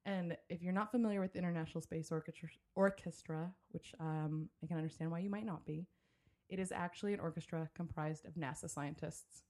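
A woman with a fairly low voice hosts a relaxed podcast chat. She rambles through her stories, restarting sentences and filling pauses as she goes. The talk is loose and conversational. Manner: rambling, chatty, many fillers and restarts. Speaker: podcast host. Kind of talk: casual chat. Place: home studio, drinking with a guest.

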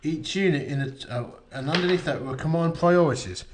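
A man's voice: fairly high pitch, brisk, background noise. A man with an Essex accent hosting a casual podcast with a blokey, bantering manner. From Essex, England. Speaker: podcast host. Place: echoey open-plan kitchen lounge at home.

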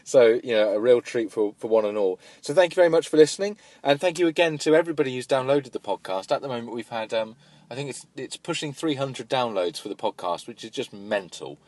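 A man's voice: medium pitch, expressive, fast talker, darkish tone, no echo. Dry-voiced man co-hosting radio. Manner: laid-back, dry, hesitant with fillers. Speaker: radio show co-host. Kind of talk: casual radio banter.

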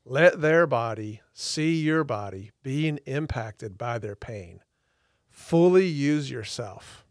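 A man's voice: medium pitch, animated, slow pace, no echo, clean studio sound. A man co-hosting a podcast as a therapist trainer, explaining his method emphatically and repeating words for stress. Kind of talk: teaching explanation.

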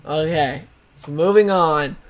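Guy co-hosting a podcast, kinda high voice, opinionated, reads news bits out loud. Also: slow pace. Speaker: podcast co-host. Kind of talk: casual chat.

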